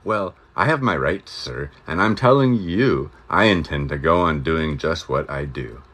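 A man's voice: very deep voice, expressive, a little slow, fairly bright tone, heavily acted. A man voicing a greedy, defiant male factory owner who blusters in a storybook reading.

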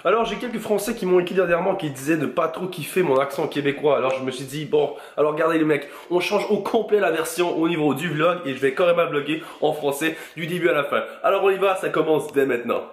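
Brief: a man faking a proper France French voice, pitched up, exaggerated and mock-formal, roomy echo. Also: fast, few pauses, natural voice.

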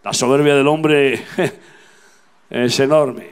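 Fervent older street preacher. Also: male voice, mid-range voice, extremely slow, smooth. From Spain. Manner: fervent, preaching loudly to passers-by; addresses listener as friend, asks rhetorical questions. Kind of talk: sermon. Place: outdoors on a street.

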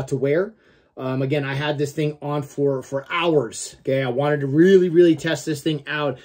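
Fairly high-pitched and a little mellow, a man in his forties reviews gear to camera indoors in a small room at home. His tone is casual and slightly salty, with some mild swearing and frequent "okay?" check-ins.

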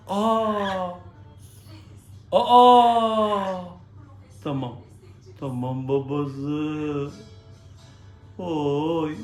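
A man talking to his pet parrot in a coaxing, affectionate baby-talk manner, casually trying to get it to sleep. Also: a little high. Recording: echoey room.

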